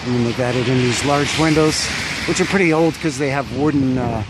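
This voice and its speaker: Brisk and medium in pitch, a man thinks out loud about an old building while walking outdoors on a blustery winter street, phone camera in hand. He explores old buildings for his vlog, and the loose, filler-heavy commentary with unsure asides is backed by wind and street noise.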